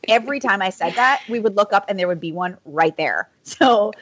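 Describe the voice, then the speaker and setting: A woman's voice: mid-range voice, lively intonation, a little fast, a bit bright, a little hiss or hum. A woman guest on a podcast, chatting casually about running and laughing often, with many "like" fillers. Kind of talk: casual chat.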